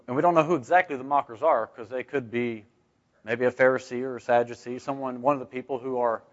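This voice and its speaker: A man with a mid-range, fairly bright voice leads a group through scripture as an informal Bible study leader. His style is conversational, peppered with rhetorical questions and "right?", captured in a dull, muffled lo-fi recording.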